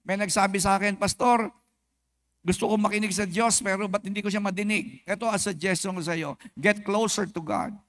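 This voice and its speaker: Filipino pastor guy, kinda high voice, lively preaching, switches to english a lot. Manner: animated preaching mixing Tagalog and English, acts out quick comic exchanges. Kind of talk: sermon. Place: church service.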